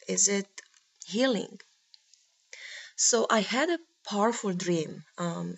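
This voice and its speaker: A woman with a gravelly, fry-laced voice delivers a spiritual monologue. She talks earnestly and pauses often as she searches for words, with her pitch sitting in a middle range. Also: a bit bright. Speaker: spiritual teacher.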